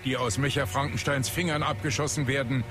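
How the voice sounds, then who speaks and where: A man's voice: medium pitch, steady tone, brisk, natural voice. A man playing an anxious, earnest scientist who commands and explains his giant robot in a German audio drama. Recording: loud music bed behind voice.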